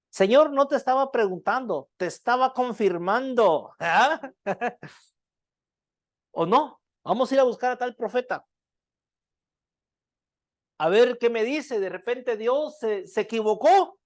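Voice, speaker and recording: A preacher delivering a sermon, firing rhetorical questions at the listeners, checking in with a repeated tag question, and dropping to hushed tones for emphasis. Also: mid-range voice, no room sound, clean studio sound. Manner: keeps asking the congregation rhetorical questions; loudness swings widely, dropping to hushed lines.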